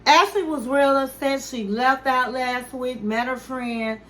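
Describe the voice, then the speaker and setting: A woman recaps a reality show in casual, chatty storytelling, acting out what each person she quotes said. Her voice sits high, a bit bright and a little slow, on a rough recording with slight background noise.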